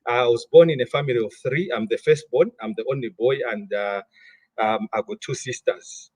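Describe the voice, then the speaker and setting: A man in his thirties from Malawi, answering interview questions over a video call in an animated way and repeating words as he gathers his thoughts. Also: mid-range voice, normal speed, husky, no room sound. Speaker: guest, finance director.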